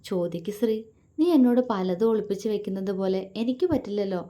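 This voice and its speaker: A woman's voice: medium pitch, fast talker, mellow, close to an everyday voice. A woman reading as a teasing, tender young husband. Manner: playful, affectionate teasing.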